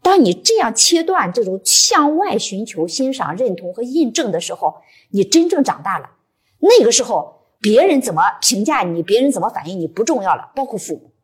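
Husky woman professor. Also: on the high side, very animated, normal speed. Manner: reflective, explains step by step. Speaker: literature professor, guest speaker. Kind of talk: live book-club talk.

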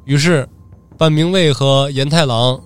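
A man, co-hosting and telling a story in a jokey, animated way. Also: mid-range voice, a little slow, clear, resonant tone. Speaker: podcast co-host, storyteller. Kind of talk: comic storytelling.

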